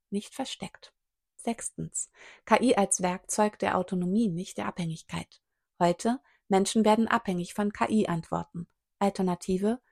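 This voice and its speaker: A woman's voice: medium pitch, vocal fry, darkish tone, no room sound, studio quality. A woman reading a prepared text aloud in short, clipped fragments, with occasional brief asides of her own.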